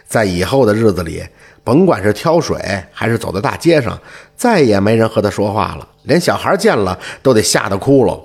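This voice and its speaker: A man telling a folk tale in an expressive, animated way, with dramatic rises and falls. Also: on the low side, fairly quick, vocal fry, husky. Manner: animated, expressive, rising and falling. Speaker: storyteller.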